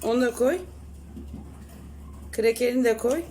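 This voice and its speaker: A woman talking to her small child at home, coaxing, praising and gently scolding him. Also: a little high, a little slow, a little hiss or hum. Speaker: mother playing with her toddler.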